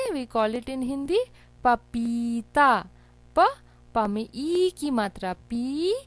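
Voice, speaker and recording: Slow, lively-voiced woman teacher. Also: on the high side, no room sound. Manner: slow, sing-song teaching, stretching key words; mixes English and Hindi. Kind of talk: online class lesson.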